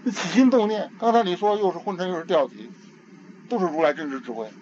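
Heard on dull, lo-fi archival tape with a faint hiss, an older man, a Buddhist teacher, offers a casual, homely dharma talk. He speaks quickly in a high, slightly mellow voice and frequently repeats himself or starts his words over.

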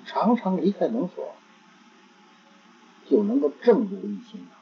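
A man giving a Buddhist dharma talk, halting and repeating words as he searches for phrasing. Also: fairly high pitch, sing-song, slightly rough. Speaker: Buddhist teacher. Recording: dull lo-fi recording.

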